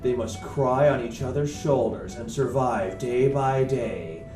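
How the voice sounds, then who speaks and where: A man doing a hushed movie trailer announcer. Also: mid-range voice, faint music behind, pitched below the performer's own voice, lightly acted. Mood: dramatic. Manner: slow, hushed dramatic announcing. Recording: echoey room, distant mic.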